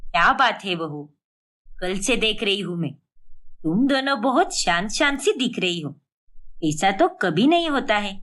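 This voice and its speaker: A woman voicing an older, caring mother-in-law who soothes and gently scolds. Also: mid-range voice, sing-song, unhurried, pitched below the performer's own voice. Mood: concerned.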